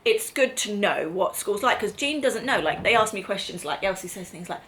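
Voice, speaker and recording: A woman's voice: medium pitch, expressive, moderate pace, fairly bright tone, slight background noise. A middle-aged woman with an English accent chatting casually as she hosts a family vlog, explaining things and checking in with tag questions. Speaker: mother hosting a family vlog. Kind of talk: casual chat.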